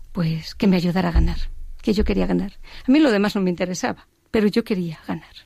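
A woman's voice: mid-range voice, vocal fry, a little mellow, dry recording, studio quality. A middle-aged woman giving an earnest personal faith testimony, repeating phrases for emphasis. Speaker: religious sister giving testimony.

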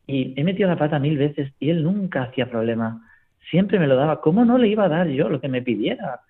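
Priest on a phone line. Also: male voice, fairly high pitch, expressive, fairly quick. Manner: storytelling, constant tag question "¿no?". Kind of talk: reflective spiritual talk on radio.

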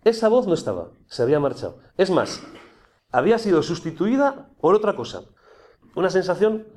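A man giving a personal testimony to an audience, speaking in a conversational, animated way. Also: fairly high pitch. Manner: conversational, animated, with many restarts.

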